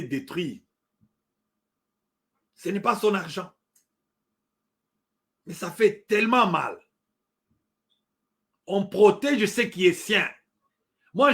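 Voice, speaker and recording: A man's voice: high voice, a bit bright. A middle-aged man with a Congolese French accent, giving impassioned political commentary, emphatic and full of repetitions and hesitations. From Democratic Republic of the Congo. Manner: emphatic, repeats points, hesitant fillers.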